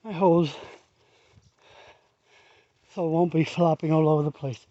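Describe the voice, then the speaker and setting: A man's voice: a little high, steady tone, measured pace, dry recording, dull audio. A man narrating casually while hiking an open field trail outdoors, out of breath and rambling as he walks. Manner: chatty, rambling with restarts. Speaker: hiking vlogger.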